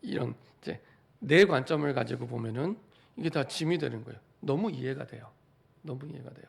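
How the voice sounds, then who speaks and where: In a fairly quick, creaky, husky mid-range voice, a middle-aged pastor preaches his Sunday sermon in the church sanctuary. Building emphasis through repetition, he keeps asking the congregation rhetorical questions.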